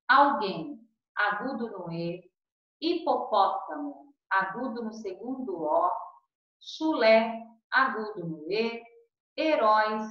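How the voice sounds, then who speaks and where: A woman's voice: a little high, dull audio. Patient Brazilian woman teacher, echoey and distant. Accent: Brazilian Portuguese. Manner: patient, uses diminutives, stretches out syllables to demonstrate stress. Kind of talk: recorded remote lesson for children.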